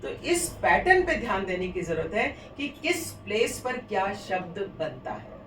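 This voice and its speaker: A woman's voice: medium pitch, very animated, moderate pace, a bit bright, distant mic. Lady teacher going over grammar forms again and again, roomy sound, bit of hiss. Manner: patient, repetitive drilling of declensions. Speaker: Sanskrit teacher. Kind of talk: grammar lesson reciting word forms.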